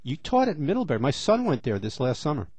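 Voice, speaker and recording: A man's voice: a little high, big pitch swings, fast, darkish tone, breathy edge, dry recording. A middle-aged man hosting a radio interview, chatty and rambling with many fillers. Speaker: radio host.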